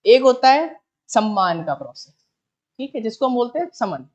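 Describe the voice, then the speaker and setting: A woman's voice: fairly high pitch, big pitch swings, normal speed, a little mellow. A woman lecturing on law for exam students, explaining each step, asking questions and answering them herself, often checking in with her class. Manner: keeps checking in with "theek hai". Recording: slightly dull, muffled recording.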